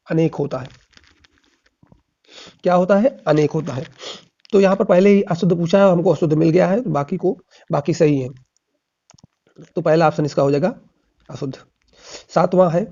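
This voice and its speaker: A male teacher running a casual exam-prep lesson, his voice gravelly and somewhat high for a man. He drills each answer by asking a question and repeating the reply. The recording sounds dull and lo-fi. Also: warm tone.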